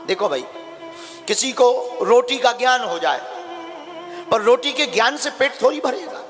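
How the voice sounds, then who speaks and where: Animated high-voiced preacher. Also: male voice, measured pace. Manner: animated, chuckling storyteller. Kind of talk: devotional sermon storytelling. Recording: reverberant hall with faint music.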